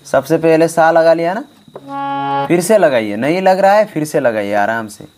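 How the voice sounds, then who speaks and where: A man's voice: fairly high pitch, expressive, normal speed, loud music behind the voice. A man teaching harmonium online, speaking straight to his students and repeating key points for emphasis. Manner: repetitive, emphatic, addresses students directly. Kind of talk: online music lesson. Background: faint harmonium.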